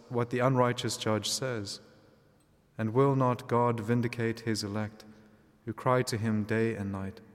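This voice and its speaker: A male priest reading the gospel and preaching in a measured, deliberate way, his voice carrying a cathedral echo. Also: medium pitch. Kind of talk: liturgy, gospel reading and homily. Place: large church. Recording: long reverb of a large church.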